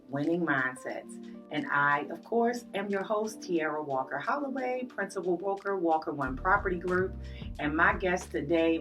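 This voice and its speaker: Lady podcast host, low-ish voice, playful asides, kinda far from the mic, soft music under. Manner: animated, drawn-out greetings and playful asides. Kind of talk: enthusiastic podcast welcome and interview. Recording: distant mic with faint music behind.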